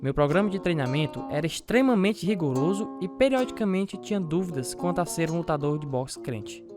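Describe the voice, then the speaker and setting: In this reflective radio drama, the actor's fairly high, expressive voice moves briskly with a light touch of performance. With a Brazilian accent, he plays a sincere, devout boxer and young father recounting his own life in the first person, guitar music playing beneath.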